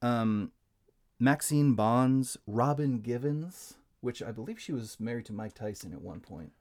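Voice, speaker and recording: A man's voice: mid-range voice, expressive, measured pace, darkish tone. A man co-hosting a casual movie podcast, rambling with lots of ums and laughing easily. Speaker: podcast co-host presenting the movie. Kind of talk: casual chat.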